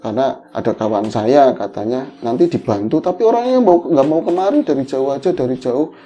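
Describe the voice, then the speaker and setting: A middle-aged man with a Javanese accent, telling his own story in a casual, animated way. His voice jumps up in pitch at the tense parts. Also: brisk. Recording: dull lo-fi audio with faint noise.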